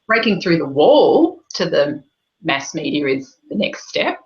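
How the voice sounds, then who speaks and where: A woman's voice: low voice, sing-song, a little slow. A woman with an Australian accent speaking on a panel, emphatic and indignant. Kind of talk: panel discussion. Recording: dull lo-fi sound.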